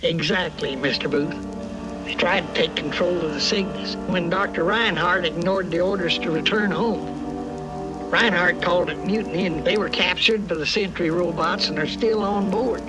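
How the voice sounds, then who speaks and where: An actor playing a battered old robot, weary and loyal, with a folksy old-timer way of talking, in a storybook dramatization. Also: male voice, high-pitched, normal speed, over music, lightly acted, low-quality recording. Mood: grave, revealing.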